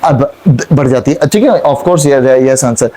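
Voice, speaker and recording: A man's voice: medium pitch, slow pace, dark tone. A man teaching a Quran class, explaining verses and questioning his students, repeating key points. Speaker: Islamic teacher.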